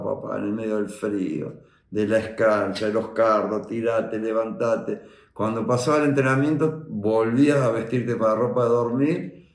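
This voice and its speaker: A man in his sixties with an Argentine accent, a war veteran telling his son his memories in a reflective, unhurried way with hesitant fillers. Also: medium pitch. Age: 60s. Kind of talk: personal reminiscence. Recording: roomy echo.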